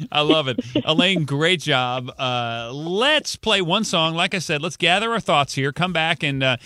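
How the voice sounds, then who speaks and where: A man's voice: fairly high pitch, animated, a little slow, sharp tone, no room sound, studio quality. An American man hosting a morning radio show with playful, teasing banter and phone interview questions. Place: radio studio.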